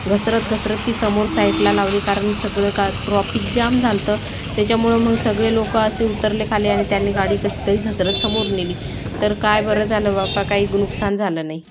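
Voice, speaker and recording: Woman vlogger, folksy and chatty, mid-pitched voice, phone-recorded outdoors in heavy traffic noise. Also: flat delivery, normal speed. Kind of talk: casual vlog narration. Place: outdoors by a road. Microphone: phone camera. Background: passing vehicles and rain.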